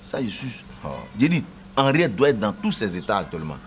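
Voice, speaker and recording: An actor with an Ivorian French accent playing a worried unfaithful husband, lamenting to a friend. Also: male voice, lowish voice, very animated, brisk, soft background music. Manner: anxious, lamenting. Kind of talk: TV drama acting.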